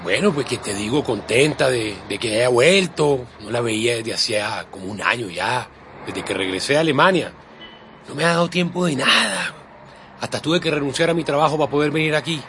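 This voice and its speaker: A man's voice: mid-range voice, a little fast, fairly bright tone, a little hiss or hum, natural voice. An actor playing a grieving young man who has lost his best friend, speaking emotionally. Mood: sad. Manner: emotional, pleading. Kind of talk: dramatic acting.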